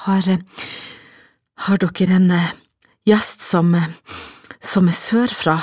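A woman's voice: lowish voice, fairly even intonation, darkish tone, no echo, natural voice. A woman voicing an anxious young woman who is out of breath and stammers with many hesitations, in an audiobook. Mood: anxious, hesitant.

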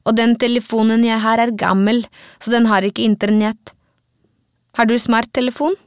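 Woman voicing an awkward young stable hand with a Latvian accent, blunt, halting lines, dry sound, storybook reading. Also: fairly high pitch, little pitch movement, clear, resonant tone, dry recording, natural voice.

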